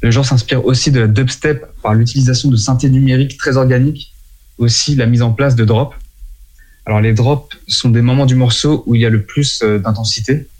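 A man presenting and explaining a music genre in French, in a clear explanatory way, with small slips he apologizes for. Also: mid-range voice, steady tone, a little fast, darkish tone.

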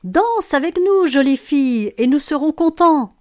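A woman's voice: fairly high pitch, expressive, measured pace, a little mellow, voice pushed up. A woman voicing a band of little male dwarfs who chant in a sing-song way in a storybook. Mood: cheerful chant.

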